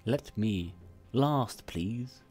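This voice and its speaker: A man's voice: lowish voice, expressive, very slow, a little mellow, soft background music. A man giving casual, sweary, nervous commentary on his own gameplay. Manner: nervous, sweary, chatty self-talk. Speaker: gamer.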